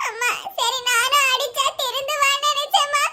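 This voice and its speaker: A woman's voice: extremely high pitch, fairly even intonation, moderate pace, bright, forceful tone, heavily acted. A woman voicing a worried, weepy young mother in a cartoon, speaking with a Tirunelveli Tamil accent. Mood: tearful. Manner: weepy, pleading. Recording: noisy cartoon voice track.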